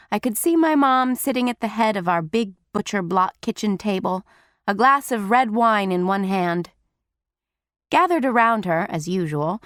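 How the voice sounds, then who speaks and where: A woman's voice: medium pitch, no room sound, studio quality. Woman narrating a teen audiobook. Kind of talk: scripted first-person narration.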